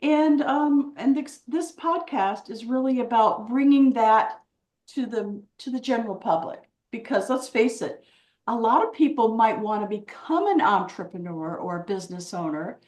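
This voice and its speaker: A woman co-hosting a podcast in a casual chat, playful and quick to laugh. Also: fairly high pitch, lively intonation, darkish tone, reverberant. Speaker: podcast co-host.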